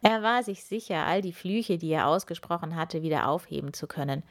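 A woman reading a children's fairy tale aloud in a soft, partly whispered narration. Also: on the low side, brisk.

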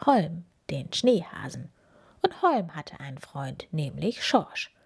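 Slow breathy whispering woman. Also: lowish voice. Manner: slow, gentle, addresses children. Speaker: storyteller reading a picture book. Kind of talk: whispered role-play.

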